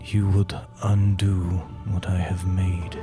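A man voicing a tiny spirit in a tabletop game, speaking softly and formally in slow, hushed phrases that thin toward a whisper. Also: sits low, little pitch movement, music in the background, voice pushed down. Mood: solemn, coaxing. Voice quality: soft, hushed, fading to whisper. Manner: slow, formal, measured questioning. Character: tiny unseen spirit voice speaking inside a player's head. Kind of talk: tabletop game role-play.

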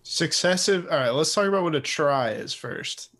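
A man's voice: on the high side, animated, fairly bright tone. Hesitant man in casual sports chat. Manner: tentative, halting explanations. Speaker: sports talk show co-host.

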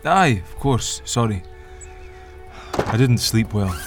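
A man's voice: lowish voice, lively intonation, takes it slowly, over music. A man playing a sheepish, uneasy young man, hesitant and wry, in an audio drama. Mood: groggy, sheepish. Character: sheepish, uneasy, self-doubting young man under house arrest.

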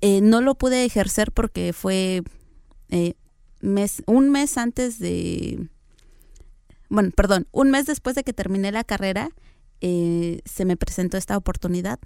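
A young woman from Oaxaca speaks in a smooth, resonant voice. She answers softly and hesitantly, pausing on fillers, recorded close and dry with no room sound. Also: mid-range voice, no room sound. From Oaxaca, Mexico. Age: young adult. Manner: soft-spoken, hesitant fillers, light laughs. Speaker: interview guest. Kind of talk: relaxed interview conversation.

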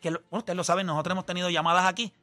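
A man's voice: sits high, little pitch movement, very fast, bright, forceful tone, soft background music. A man hosting a sports talk show, arguing his point through step-by-step examples in a casual chat. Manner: argumentative, explains with examples.

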